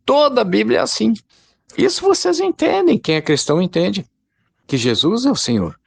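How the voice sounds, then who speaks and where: A man's voice: high voice, big pitch swings, moderate pace, vocal fry, breathy edge, dry recording. A man giving a rambling, informal spoken sermon and calling his listeners brothers. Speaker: lay preacher.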